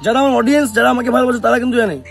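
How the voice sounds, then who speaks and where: A man's voice: very high voice, steady tone, very fast, gravelly, soft background music. A young man from West Bengal, a vlogger talking casually to the camera, answering comments in a defensive way with many rhetorical questions. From West Bengal, India. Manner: defensive, rhetorical questions, calls viewers bhai.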